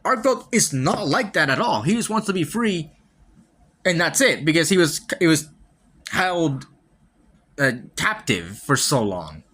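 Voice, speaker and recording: A slightly high-voiced man talks through a game review on his own podcast, his pitch swinging widely as he goes. He rambles, restarts his sentences often and swears casually, with wry laughs between points. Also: big pitch swings, a little slow, a bit bright, slightly rough. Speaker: podcast host.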